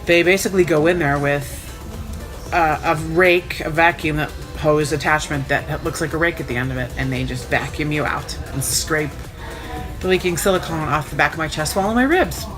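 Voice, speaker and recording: Low-voiced woman recovering from surgery, wry. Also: moderate pace, music in the background. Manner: frank, wry, sarcastic. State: sore and recovering a day after surgery. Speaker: vlogger recounting own surgery. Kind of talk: casual first-person storytelling.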